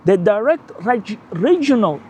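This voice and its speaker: This channel host, a man who speaks Portuguese natively and has a Portuguese-speaking accent, gives emphatic, animated political commentary with brief laughs. He has a high voice and an unhurried pace, and slight background noise can be heard.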